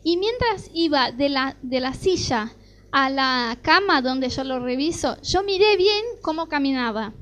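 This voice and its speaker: A middle-aged woman with a high voice and an Argentine Rioplatense Spanish accent preaches a sermon centered on her own testimony, speaking at a measured pace. She narrates vividly, acting out the dialogue in animated fashion.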